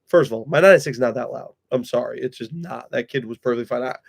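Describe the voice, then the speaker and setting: A streamer hosts a casual live chat with friends in a room, speaking bluntly and swearing freely. His medium-pitched voice moves fast and carries vocal fry.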